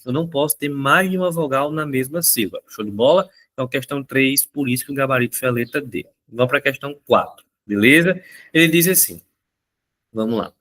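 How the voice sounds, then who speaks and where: A man's voice: mid-range voice, brisk, fairly bright tone. A male teacher who talks through exam answers in a chatty way. He keeps checking in with his students and his voice rises and falls a lot. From Brazil. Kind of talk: recorded exam answer walkthrough.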